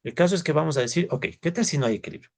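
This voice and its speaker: A man's voice: on the high side, animated, racing. A man from Ecuador, giving an informal university economics lecture. He talks conversationally, thinks aloud, and keeps checking in with his students with short tag questions.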